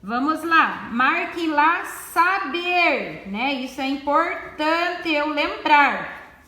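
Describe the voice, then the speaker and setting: Slow, high-voiced woman teacher, echoey room. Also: lively intonation, bright, forceful tone. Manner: slow, patient, reads exercises aloud. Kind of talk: classroom lesson explanation.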